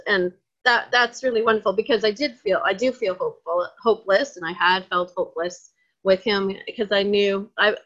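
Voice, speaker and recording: A woman on a video call, sharing in a soft, halting way and sounding moved, searching for her words. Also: medium pitch. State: emotionally moved. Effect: heard over a video call. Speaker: workshop participant. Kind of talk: personal sharing in a group call. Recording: dull, lo-fi video call audio.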